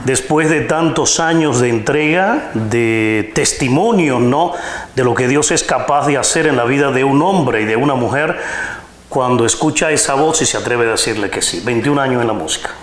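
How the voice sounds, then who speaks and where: A man's voice: medium pitch, moderate pace, echoey room, a little hiss or hum. A man from the Dominican Republic with a Dominican accent, hosting a faith interview program from a radio studio, opening with formal religious greetings. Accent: Dominican Spanish. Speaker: host.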